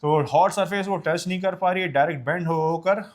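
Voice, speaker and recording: Young man from India, science teacher, slightly high voice, explains in Hindi and English, keeps checking students follow, drills with self-answered questions. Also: brisk. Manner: asks questions and answers them himself, often says "ok na"; addresses students as children, mixes Hindi and English. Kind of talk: exam-focused science lecture.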